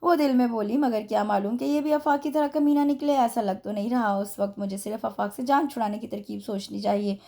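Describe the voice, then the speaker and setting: A woman reading a romance novel aloud as narrator, with steady, expressive storytelling. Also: a little high, a little fast, gravelly, hardly any pauses. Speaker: audiobook reader.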